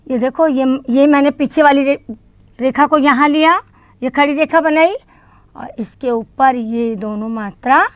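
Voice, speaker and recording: A woman's voice: high voice, no echo. A woman teaching kindergarten children in an online lesson, patiently repeating each sound for them to say back. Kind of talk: online lesson teaching Hindi vowel signs.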